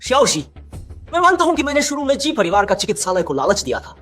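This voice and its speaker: A man voicing a husky defiant rich heir. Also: very high voice, wildly swooping pitch, quick pace, bright, forceful tone, faint music behind, full character voice. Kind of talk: dubbed drama dialogue.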